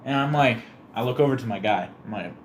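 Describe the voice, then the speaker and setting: A young man co-hosting a casual podcast, telling stories animatedly and acting out quotes in a squeaky high voice. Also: a little fast, slight background noise. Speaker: podcast co-host. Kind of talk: casual chat.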